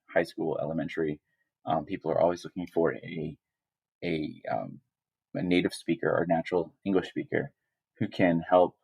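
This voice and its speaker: A man's voice: rumbling low, gravelly, slightly rough, no echo, rough recording. A man co-hosting a podcast, talking casually and hesitantly with many restarts. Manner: hesitant, restarts often, relaxed. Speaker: podcast co-host.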